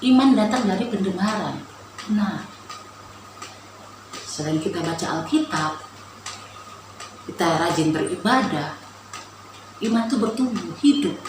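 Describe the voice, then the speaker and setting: A woman's voice: medium pitch, expressive, a little slow, long pauses. Woman telling her faith story, earnest and emotional, super echoey room, noise behind. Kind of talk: personal faith testimony.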